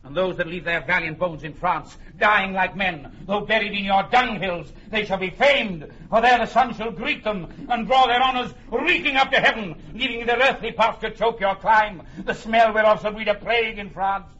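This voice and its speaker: King Henry the Fifth, forceful and rousing. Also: high voice, normal speed, hardly any pauses. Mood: defiant. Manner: declamatory, swings from hushed to ringing oratory. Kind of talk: classical Shakespearean stage-style acting. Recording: dull band-limited drama recording, background noise.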